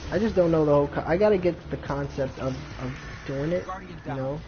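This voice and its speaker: A man's voice: on the high side, a little fast. A man chatting casually over gameplay as a streamer, with slightly slurred articulation from an overbite, in slangy, repetitive phrasing. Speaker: video game streamer. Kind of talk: casual gameplay commentary, rambling chat. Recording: noisy, dull home stream audio.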